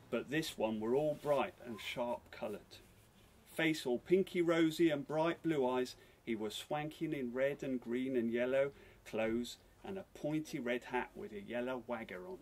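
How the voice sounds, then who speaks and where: Male reader, slow and husky, reading fiction aloud at a bookshop event. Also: medium pitch. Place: bookshop, indoors.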